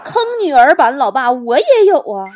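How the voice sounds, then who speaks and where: A woman's voice: sits high, moderate pace, noisy background. A woman hosting a talk show, telling jokes and funny stories in a comic monologue, acting out the quoted lines. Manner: lively, acts out quoted lines with laughs.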